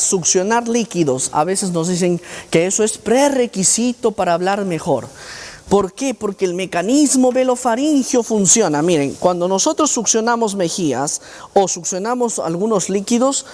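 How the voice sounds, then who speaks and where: In a lecture hall with long reverb, a middle-aged man delivers a university lecture, frequently throwing rhetorical questions at the audience. His voice is high-pitched and a little mellow.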